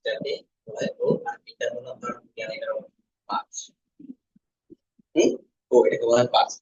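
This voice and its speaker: Questioning teacher, lively pitch, dull recording. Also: male voice. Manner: asks students questions, repeats sounds slowly. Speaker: Korean language teacher. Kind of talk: classroom lesson explaining vowels.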